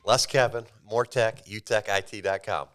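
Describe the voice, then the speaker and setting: A man's voice: lowish voice, steady tone, normal speed, fairly bright tone, no room sound, studio quality. A middle-aged man co-hosting a podcast in a jokey, rambling way, often restarting his sentences. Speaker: podcast co-host. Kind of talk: casual podcast banter. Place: small podcast studio. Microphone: studio mic on a boom, with headphones.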